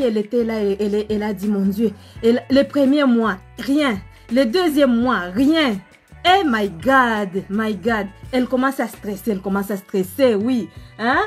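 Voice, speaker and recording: Woman live streaming, african french accent, kinda high voice, chatty, faint music behind. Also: normal speed, husky. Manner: chatty, animated, addresses viewers directly, many fillers. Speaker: live-stream host and relationship coach. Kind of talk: casual live-stream storytelling, greeting viewers.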